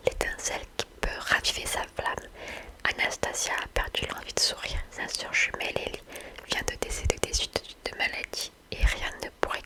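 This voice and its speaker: A woman speaking in a soft library-like whisper, talking about books and reading aloud in an ASMR style. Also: low-quality recording. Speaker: book haul video host. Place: indoors, in front of bookshelves.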